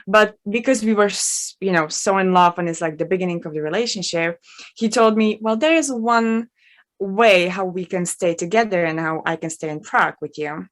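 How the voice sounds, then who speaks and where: A woman from the in her thirties, a guest telling her own story in an interview, frank and animated, with many fillers. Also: medium pitch, moderate pace. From Czech Republic.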